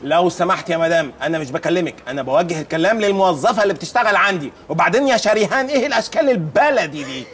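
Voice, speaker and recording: A fussy, flustered Egyptian office manager who scolds in a high, swooping voice at a rapid clip. His lines race with outrage. There is faint room noise behind him. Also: expressive, a bit bright. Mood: haughty. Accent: Egyptian Arabic. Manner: shrill, exasperated scolding.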